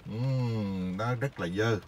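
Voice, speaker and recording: A middle-aged man, telling stories in a casual, rambling monologue full of hesitant filler pauses. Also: fairly low pitch, darkish tone, a little hiss or hum. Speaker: vlogger sharing stories.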